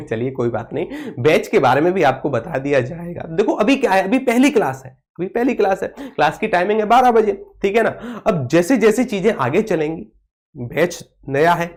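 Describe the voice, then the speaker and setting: A man's voice: high voice, lively intonation, normal speed. Male teacher, live online lecture, drills points with question and answer, answers viewer comments. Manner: repeats questions and answers them himself. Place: online live class, studio.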